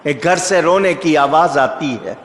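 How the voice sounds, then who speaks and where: Preaching man in an echoey hall. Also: fairly high pitch. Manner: storytelling with rising emphatic outbursts; asks the audience rhetorical questions. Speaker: Islamic scholar preacher. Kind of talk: sermon.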